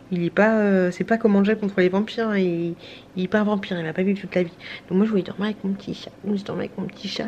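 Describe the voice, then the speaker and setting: Late at night at home, a tired, slightly sick woman vlogger chats casually to camera while pumping breast milk, rambling with lots of fillers and restarts. Her voice is lowish and darkish, the sound is lo-fi, and a breast pump hums in the background.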